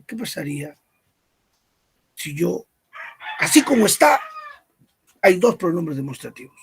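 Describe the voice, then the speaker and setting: A man's voice: on the high side, gravelly, a little hiss or hum. A man teaching a grammar lesson, who asks questions, answers them himself and repeats word lists.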